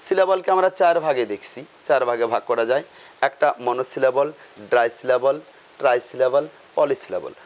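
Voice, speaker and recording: A man's voice: medium pitch, a little fast. A man teaching a grammar lesson, asking questions and answering them himself, repeating key terms.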